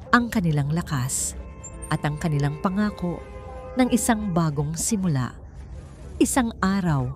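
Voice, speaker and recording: A female narrator reads a scripted romantic story in a low, mellow voice, phrasing deliberately with dramatic pauses. Soft music plays faintly behind her.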